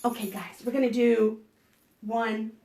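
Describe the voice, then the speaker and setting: A woman leads an animated read-aloud for young children as a children's librarian, asking questions to keep them engaged. Her voice is a little high and warm, with a level tone and a slightly slow pace.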